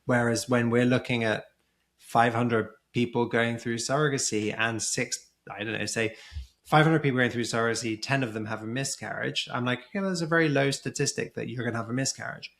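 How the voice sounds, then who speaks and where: Speaking fairly quickly in a steady, medium-pitched voice that's gravelly yet fairly bright, this podcast guest talks conversationally. He co-founded a surrogacy community and explains his points with care, frequently starting sentences over.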